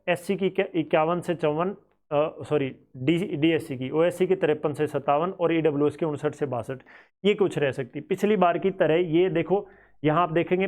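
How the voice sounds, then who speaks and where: A man's voice: a little high, darkish tone. A man with a Haryanvi-flavoured Hindi accent teaching students about exam cut-offs in a conversational, thinking-aloud way.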